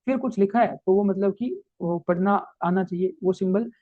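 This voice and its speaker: A man giving a history lesson as a teacher, explaining in Hindi mixed with English terms and reading English points slowly. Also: high-pitched, no room sound, phone-quality sound. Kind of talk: recorded class lecture.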